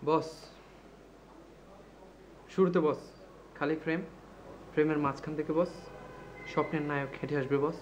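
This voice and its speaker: A man's voice: fairly high pitch, steady tone, normal speed, long pauses, natural voice. A timid, deferential assistant, played by a man in a TV drama. The sound is a little dull, with faint noise behind it. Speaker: assistant to the director. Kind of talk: TV drama acting.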